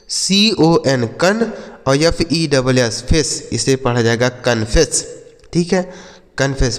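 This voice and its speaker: A man's voice: fairly high pitch, big-room sound. A man teaching children to read English, spelling words out letter by letter, quizzing them and repeating each answer. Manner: sounds out letters slowly, keeps quizzing the listener; calls listeners "children" and "my brother".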